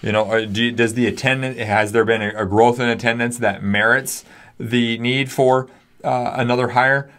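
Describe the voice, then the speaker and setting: Man in his forties, mid-pitched voice, earnest, explanatory, pastor talking on a podcast, studio mic. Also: steady tone, normal speed, fairly bright tone. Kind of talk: casual podcast discussion. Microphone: studio mic on stand.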